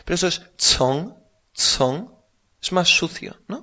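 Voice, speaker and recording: A man teaching a language lesson, patiently drilling pronunciation slowly. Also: a little high, expressive, sharp tone, highs cut off. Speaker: Chinese teacher.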